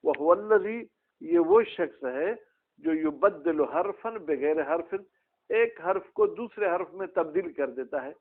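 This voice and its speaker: A man's voice: high voice, sing-song, a little slow. A male religious teacher giving a classroom lesson, asking his students questions by name. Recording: tinny phone-like sound.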